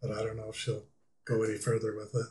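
A man speaking as a guest on a casual interview podcast, halting and restarting often as he recalls things. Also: fairly low pitch, monotone, a little mellow. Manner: halting, many restarts and fillers.

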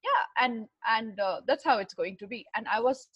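A woman's voice: on the high side, a bit bright, slightly rough, highs cut off. Reflective middle-aged woman, educated Indian accent. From Bihar, India. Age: 40s or older. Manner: halting, reflective, searching for words. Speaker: interview guest, runner and fitness trainer. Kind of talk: personal life story in conversation.

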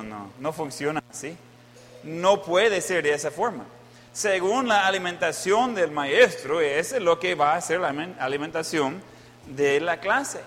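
A man's voice: high-pitched, fairly bright tone. Middle-aged guy preaching, jokey self-deprecating stories, long church reverb. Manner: storytelling with humor, playful self-mockery. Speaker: pastor. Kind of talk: Mother's Day sermon.

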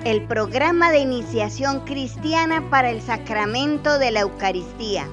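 Colombian woman announcer, high voice, scripted radio intro, clear music bed. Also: expressive, moderate pace, dull audio. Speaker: programme announcer.

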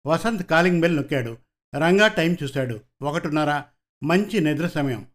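A man narrating a detective story. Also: fairly high pitch. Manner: even, measured storytelling, voicing characters' dialogue. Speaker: audiobook narrator. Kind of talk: scripted narration.

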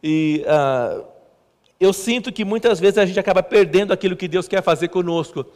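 A male pastor preaching a sermon in a halting, conversational way, repeating words and poking fun at himself. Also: high voice, a little mellow. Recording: long church hall reverb.

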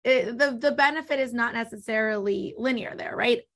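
A woman's voice: on the high side, normal speed, a bit bright. A woman, an estate planning attorney from Los Angeles, California, explaining legal options step by step in an interview, with small restarts.

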